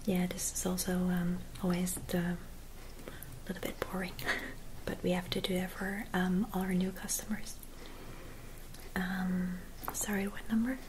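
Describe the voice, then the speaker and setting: A woman in her twenties doing a whispered role-play as a spa attendant, speaking softly and gently in an attentive, whispery voice. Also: lowish voice, little pitch movement, a little slow, noisy background. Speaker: ASMR performer playing a spa clinic receptionist and therapist. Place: small dim room at home.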